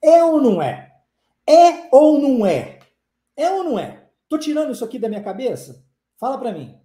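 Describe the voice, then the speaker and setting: A Brazilian-born man in his forties, raised in the United States with English as his first language, teaches English in a live online class. His voice is soft and mellow yet very high and sing-song, at a normal speed, and he emphatically pushes his argument, repeating rhetorical questions to viewers. The room has a noticeable echo.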